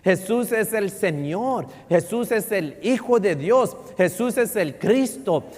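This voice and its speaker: A man's voice: high-pitched, expressive, slow. Man preaching with a long hall reverb. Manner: switches between Spanish and English, keeps asking "right?"; swings from loud emphasis to near-murmur. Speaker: pastor. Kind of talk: sermon. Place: church sanctuary.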